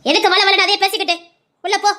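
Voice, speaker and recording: Brief: woman doing a curt, commanding Tirunelveli grandmother, voice dropped low. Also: fairly even intonation, fast talker, pushed and bright. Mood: scolding. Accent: Tirunelveli Tamil. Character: stern scolding Tamil grandmother, older woman. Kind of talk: dramatized storytelling.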